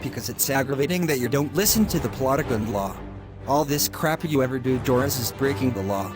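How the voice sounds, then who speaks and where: A man's voice: mid-range voice, animated, brisk, music in the background. A man voicing a stern middle-aged judge in a homemade animation, lecturing at length and sounding exasperated. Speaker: narrator and voice actor of an animation.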